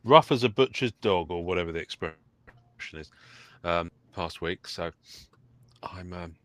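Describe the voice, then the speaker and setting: This co-host of a live podcast is a man from England, getting over a cold that leaves him slightly throaty. His voice is low-pitched and his pace moderate as he chats and jokes casually on the live stream.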